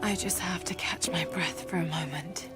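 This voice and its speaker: A woman's voice: fairly low pitch, fairly even intonation, moderate pace, music in the background, close to an everyday voice. An actress playing a determined young woman adventurer, whispering a breathless inner monologue in a whispered role-play. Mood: hushed, reflective.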